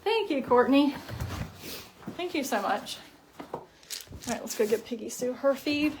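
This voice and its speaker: A woman's voice: sits high, animated, unhurried, slight background noise. A woman chatting casually on a farm livestream and talking to her animals in a sing-song voice. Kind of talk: casual livestream chat while doing chores. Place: outdoors on a farm and in a barn.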